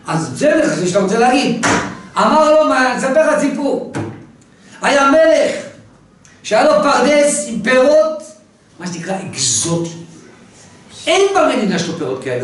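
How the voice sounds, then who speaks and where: High-voiced man teaching in an echoey room. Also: slight background noise. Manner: animated storyteller who quizzes his listener. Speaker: teacher telling a parable. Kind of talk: casual teaching with a parable. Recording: very echoey room, mic far off.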